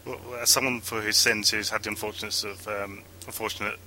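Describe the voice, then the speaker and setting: A man's voice: fairly low pitch, flat delivery, fairly quick, pushed and bright, slight background noise, rough recording. A man co-hosting a podcast, joking and laughing as he talks in a self-deprecating way. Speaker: podcast co-host. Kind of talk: casual podcast chat.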